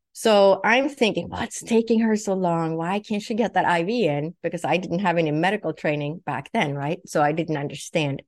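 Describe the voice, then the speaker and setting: A woman from Sweden telling a personal story in vivid detail, acting out what she thought and what others said. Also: fairly low pitch. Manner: vivid, acts out quoted thoughts and speech. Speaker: guest.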